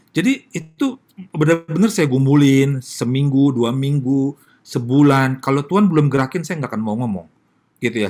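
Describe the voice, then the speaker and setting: A pastor with an Indonesian accent and a medium-pitched voice gives a casual sermon and answers questions. He speaks directly to his listeners, using lots of tag questions.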